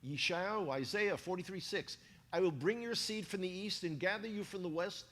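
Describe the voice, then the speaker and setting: In a church hall, a former tour guide from New York gives a sermon-style talk on a handheld microphone. He has a bright, high-pitched voice, a Bronx accent and a normal speed, and he makes animated, joking asides to the congregation.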